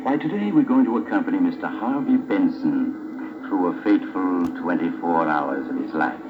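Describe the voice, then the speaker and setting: An actor playing an ominous, courteous mysterious traveler who narrates eerie tales in a theatrical, deliberate 1940s radio style. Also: male voice, sits low, lively intonation, noisy background. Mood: eerie, beckoning. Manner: theatrical, deliberate, sinister invitation. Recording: muffled old radio recording with loud music.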